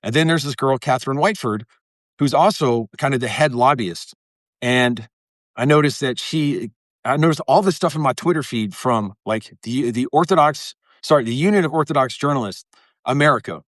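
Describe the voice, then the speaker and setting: A man's voice: mid-range voice, normal speed, a bit bright, no room sound, clean studio sound. A man talking as a guest in a casual interview, rambling and restarting his sentences, swearing now and then.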